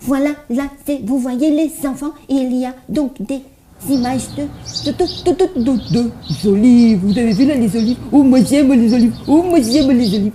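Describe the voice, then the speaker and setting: A woman's voice: sits high, normal speed, mellow, slight background noise, close to an everyday voice. A woman voicing a cheerful, eager little child puppet who stutters heavily while telling a Bible story to children. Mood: storytelling. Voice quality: heavy stutter, repeats words many times.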